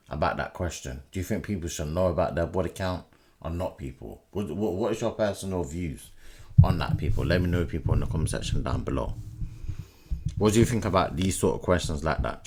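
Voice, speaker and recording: A man's voice: sits low, a little mellow, slightly rough. A man hosting a reaction video, chatting casually and calling on viewers again and again. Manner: repetitive, keeps addressing viewers as people.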